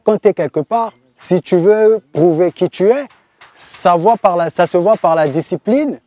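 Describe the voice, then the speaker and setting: A man from the Republic of the Congo, a music artist giving an earnest, reflective and deliberate interview statement. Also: sits high, warm tone, no room sound.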